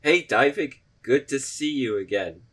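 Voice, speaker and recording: A man's voice: mid-range voice, expressive, unhurried, a bit bright. A man voicing a grumpy, sardonic talking train in a cartoon. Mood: casual.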